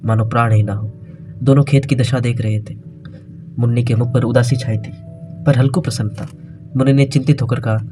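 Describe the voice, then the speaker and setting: A man reading a classic literary story aloud in measured, scripted narration. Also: medium pitch.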